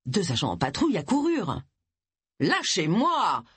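An expressive audiobook narrator with a lively, wide-ranging intonation. The slightly husky voice is recorded close and dry, with no room sound. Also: mid-range voice, normal speed, no room sound. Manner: expressive storytelling. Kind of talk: scripted narration.

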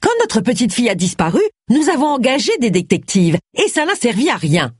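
A piercing, shrill rich wife barks orders and insults her husband in a storybook reading, her voice jumping high and all over the place. A narrator puts her on with a slightly husky, dry close sound. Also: sing-song, brisk, no room sound. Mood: shrill, bossy. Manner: bossy, abrupt, crude. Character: shrill vulgar nouveau-riche wife, bossy.

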